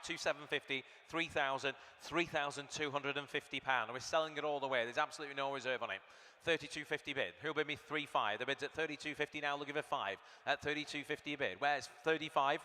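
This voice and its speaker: A man's voice: on the high side, bright, forceful tone. A man working as an auctioneer at a live sale, rattling off prices and bids with chatty asides to the bidders. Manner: chatty asides to bidders between bid calls. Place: large auction hall. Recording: hall reverb from PA.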